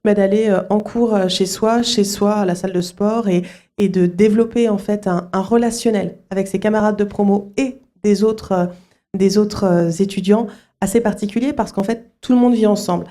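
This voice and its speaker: Interviewed at a student fair, a middle-aged school director speaks in a warm, medium-pitched voice with fairly even intonation. Her answers are hesitant, full of fillers, pauses and restarted sentences.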